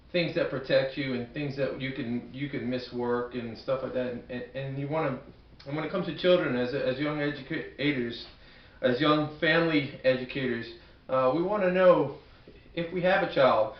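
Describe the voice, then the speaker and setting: A man with a Brooklyn accent presents like a student in a homemade video, picked up from far off in an echoey room. His delivery is halting and humble, doubling back on words, in a mid-pitched voice. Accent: Brooklyn, New York. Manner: halting, self-deprecating, repeats words. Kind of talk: informal amateur video presentation. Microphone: camcorder at a distance. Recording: echoey room, distant muffled camcorder microphone.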